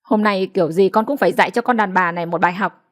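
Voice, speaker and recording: Vai: một phụ nữ đọc cô vợ trẻ độc ác, kiêu ngạo, giọng khinh miệt, ra lệnh sắc lạnh. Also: female voice, medium pitch, quick pace, lightly acted. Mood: scornful. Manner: sharp, scornful and commanding. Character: cruel, haughty young woman stealing a child.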